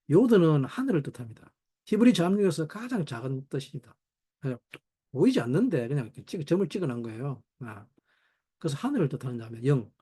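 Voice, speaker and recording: A man's voice: on the high side, slightly rough. A middle-aged man teaching a Bible study in sermon style, asking rhetorical questions and voicing quoted people. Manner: animated, rhetorical questions, voices his wife in quotes.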